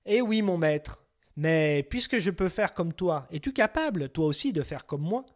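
A man's voice: fairly high pitch, expressive, normal speed, natural voice. A man voicing a bold, cunning young male hero in a storybook tale, speaking politely and eagerly. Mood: sly.

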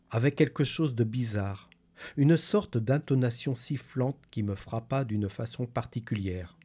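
Slow, husky male storyteller. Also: mid-range voice, dark tone. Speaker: reader. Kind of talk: scripted narration of a novel.

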